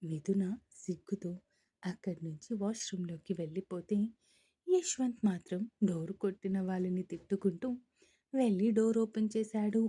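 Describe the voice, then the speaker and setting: A woman reading a romance story aloud as a storyteller, in an even narrating manner. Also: medium pitch, moderate pace, breathy edge. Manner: reads all characters' lines in her own voice, mostly even narration.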